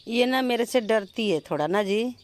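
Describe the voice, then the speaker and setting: A woman vlogger, chatting to viewers and coaxing a puppy in soft baby talk, with sudden sharp scolding calls. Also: on the high side, expressive, normal speed. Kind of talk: casual home vlog.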